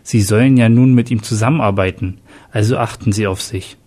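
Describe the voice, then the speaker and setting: A man voicing a wary male police partner in a read-aloud crime story, speaking in a hushed, confiding way. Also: lowish voice, fairly quick, natural voice.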